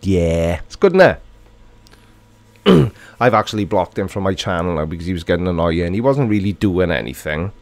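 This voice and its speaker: Reading out viewer comments on his livestream, this middle-aged host from Wales talks casually in a Welsh accent. His voice is low and animated, at a normal speed.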